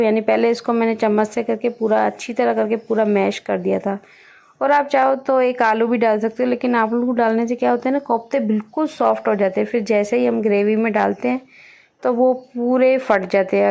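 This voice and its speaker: A woman's voice: on the high side, vocal fry, a little mellow. A woman, chatting casually through her home routine and explaining each step. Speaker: vlogger. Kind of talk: casual home vlog narration.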